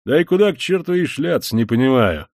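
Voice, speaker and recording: A man's voice: mid-range voice, sing-song, fairly quick, a little mellow, no echo, studio quality. A man reading an audiobook, voicing an impatient grown man who grumbles and swears. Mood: irritated.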